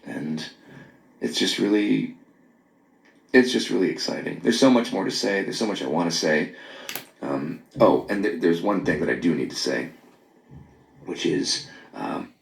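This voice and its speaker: Guy leaving a voice memo on his phone late at night, super creaky deep voice, lots of pauses and restarts. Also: lively intonation, reverberant, rough recording. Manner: halting, many pauses and restarts; earnest, apologetic. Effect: voice message recorded on a phone. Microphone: phone held close.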